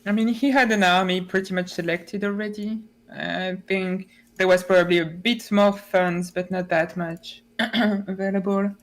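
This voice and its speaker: A woman's voice: mid-range voice, steady tone, unhurried. Woman esports caster, casual chatty commentary, frequent fillers. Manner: chatty, many fillers and restarts. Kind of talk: tournament commentary.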